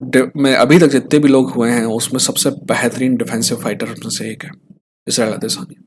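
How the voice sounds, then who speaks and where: A man's voice: mid-range voice, fairly even intonation, fairly quick, background noise. Indian man explaining fights casually. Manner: conversational, tag questions to viewers. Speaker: fight analyst host.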